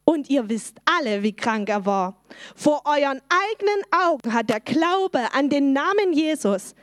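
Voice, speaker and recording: A woman, telling a Bible story to children in a lively way and asking them questions. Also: sits high, measured pace, no echo, clean studio sound.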